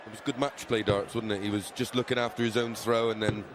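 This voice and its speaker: A man's voice: on the low side, fairly even intonation, quick pace. A man giving conversational analysis as co-commentator on live darts. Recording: clear crowd and venue noise behind.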